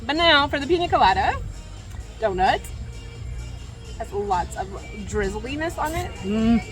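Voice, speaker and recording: A woman's voice: fairly high pitch, big pitch swings, unhurried, soft background music. Chatty woman vlogging outdoors. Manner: chatty, talks while eating, laughs often. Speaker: travel vlogger. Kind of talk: casual food review vlog. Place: outdoors at a cruise line's island stop.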